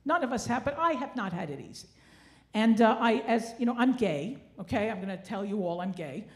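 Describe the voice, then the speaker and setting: On an indoor theatre stage, a woman in her sixties performs stand-up, kvetching wryly at her own expense with a Yiddish inflection. Her mid-range voice is very animated, fairly quick, and a little mellow, and she uses a handheld stage mic. Live stage ambience with clear noise fills the recording.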